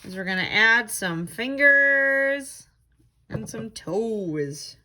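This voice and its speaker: This tutor, leading a children's read-aloud craft, speaks very slowly in an expressive, sharp-toned voice on the high side. She walks the children through the craft with simple, encouraging steps.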